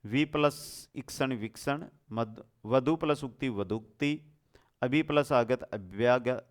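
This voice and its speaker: A man's voice: medium pitch, slow. A man with a Rajasthani Hindi accent teaching an exam coaching lesson from India, quizzing students and answering his own questions.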